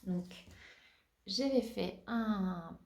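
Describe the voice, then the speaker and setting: A woman's voice: medium pitch, very slow. A woman hosting a knitting podcast in casual chat, hesitant with many fillers and restarts. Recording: roomy echo.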